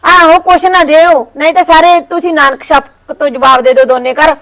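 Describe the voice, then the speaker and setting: A woman playing a bossy, scheming village woman in a short drama, giving quick instructions with a Punjabi accent. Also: sits high, steady tone, a bit bright.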